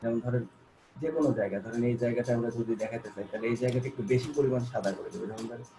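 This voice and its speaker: A man teaching a graphic design class, walking through software tools step by step, repeating himself and coaxing learners to look closely, with many fillers and restarts. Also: mid-range voice, rapid-fire, a little hiss or hum, rough recording. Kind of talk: screen-recorded software tutorial.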